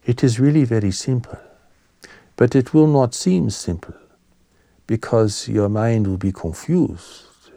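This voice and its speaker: A man giving a spiritual sermon as a teacher, calm, gentle and solemn, in measured short phrases, his soft voice turning breathy at phrase ends. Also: mid-range voice, no echo, studio quality.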